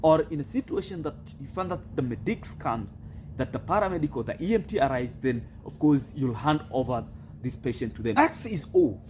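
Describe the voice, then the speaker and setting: A man's voice: mid-range voice, sing-song, fairly quick, darkish tone. A man teaching practical CPR as a first aid instructor, stressing and repeating key points. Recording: clearly noisy recording with ambience.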